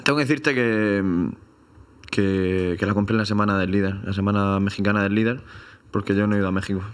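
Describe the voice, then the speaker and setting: A man's voice: on the low side, fairly even intonation, a little fast, clear, resonant tone. A man from Spain co-hosting a comedy chat, rambling through absurd stories with hesitant fillers. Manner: rambling, tells tall tales with hesitant fillers. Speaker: comedy podcast co-host.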